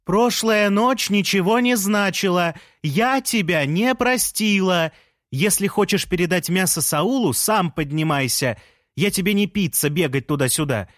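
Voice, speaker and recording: Male narrator doing a raised-pitch commanding woman, storybook audio, dry sound. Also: lively intonation, unhurried, dry recording. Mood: angry shouting. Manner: shrill commanding shouts. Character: bossy shouting woman, ex-wife, fiery.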